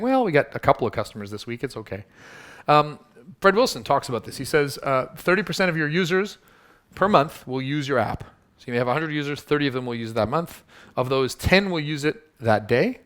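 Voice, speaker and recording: Male workshop speaker, quick delivery, punchy and teasing with the audience. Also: a little high, fairly bright tone. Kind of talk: live workshop talk.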